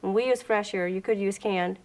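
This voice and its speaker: A woman's voice: medium pitch, a little fast, darkish tone, low-quality recording. A woman demonstrating a recipe on a 1980s TV show, plainspoken and instructive. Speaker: guest cook. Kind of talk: cooking demonstration. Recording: 1980s TV broadcast audio.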